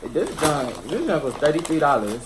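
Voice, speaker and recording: A man's voice: on the high side, very animated, moderate pace. A man hosting a casual seafood mukbang vlog, playful and chatty, often repeating himself and trailing off. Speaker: vlogger host. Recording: noisy background.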